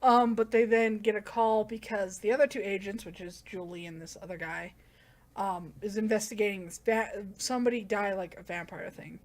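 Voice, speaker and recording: A woman's voice: medium pitch, steady tone, moderate pace. Chatty woman rambling through a recap. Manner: rambling, full of "like" and self-corrections. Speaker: manga reviewer. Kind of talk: casual plot recap.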